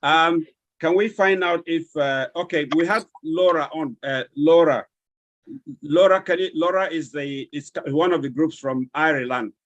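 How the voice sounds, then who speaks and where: A man's voice: on the high side, lo-fi sound, slight background noise. Courteous Nigerian man moderating a webinar. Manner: courteous, halting roll call. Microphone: video call.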